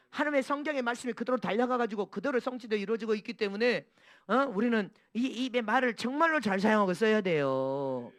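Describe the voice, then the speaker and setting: A man's voice: sits high, dry recording, clean studio sound. A male pastor preaching a sermon emphatically, repeating phrases and asking the congregation to answer.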